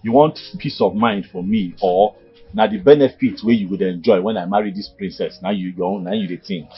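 A man with a Nigerian accent playing a short-tempered mechanic who is secretly a prince, arguing in quick retorts. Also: on the low side, husky. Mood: probing. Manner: argumentative, rapid retorts. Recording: dull film audio with music.

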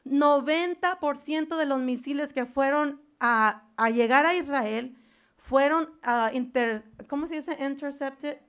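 High-voiced fervent woman preacher. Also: a little slow, dull audio. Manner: fervent preaching, swelling into loud exhortation; searches for words aloud, slips into English words. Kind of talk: sermon.

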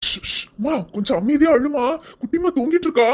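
A woman voicing a doting, soft-hearted young husband in a cartoon serial, coaxing and soothing with baby talk. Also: high-pitched, sing-song, brisk.

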